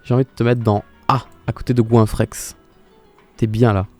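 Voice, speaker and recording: A man's voice: medium pitch, level tone, normal speed, soft background music. A young man streaming live in casual commentary, exclaiming often and talking back to his viewers' chat.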